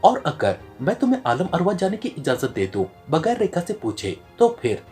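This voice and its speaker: A man voicing a stern, sharp-witted male secret agent, reading in a serious tone from an audio novel. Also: on the high side, huge pitch swings, moderate pace, soft background music.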